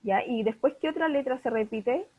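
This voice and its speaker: A woman's voice: high-pitched, normal speed, phone-quality sound, a little hiss or hum. A woman teaching an online primary school class, patiently checking understanding with repeated questions. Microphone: video call.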